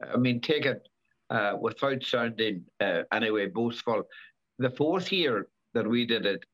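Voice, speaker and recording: A man in his seventies, a former rally driver, talking in a casual interview, halting and repeating words with many fillers. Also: medium pitch, lively intonation, a bit bright. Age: 70s. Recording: dull lo-fi recording.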